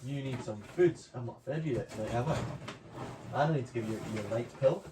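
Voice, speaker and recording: A man's voice: medium pitch, a little fast, noisy background. A Scottish man chatting casually on a livestream, rambling along with jokey mock-boasting. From Scotland. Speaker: live streamer. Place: at home, moving between outdoors and indoors.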